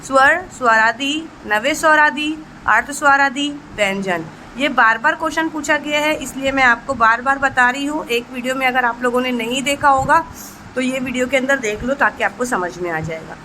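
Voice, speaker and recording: A woman's voice: high-pitched, normal speed, bright, forceful tone, a little hiss or hum, poor audio. A woman teacher giving an exam-prep lesson, asking rhetorical questions and answering them herself, mixing Marathi terms into her explanations. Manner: addresses students fondly as children.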